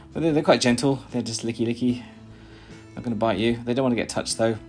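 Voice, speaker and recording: Speaking from a small plain room, this thirty-something man from Britain delivers chatty vlog commentary and voice-over, rambling with frequent fillers and false starts. The pitch is medium, the pace brisk, the tone slightly mellow, and there's faint music in the background.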